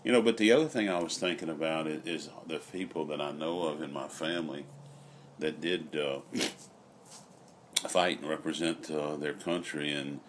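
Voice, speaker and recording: A middle-aged man chats casually and reflectively, rambling with frequent pauses, recorded outdoors on a patio. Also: very deep voice. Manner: unhurried, rambling, pausing often. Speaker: vlogger. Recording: noisy outdoor ambient recording.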